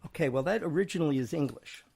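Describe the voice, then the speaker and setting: A man's voice: fairly high pitch, lively intonation, gravelly, a little mellow, husky. A man hosting a casual chat, playfully reading out word definitions and example sentences. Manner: playful, chuckling, reads aloud slowly at times. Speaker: host.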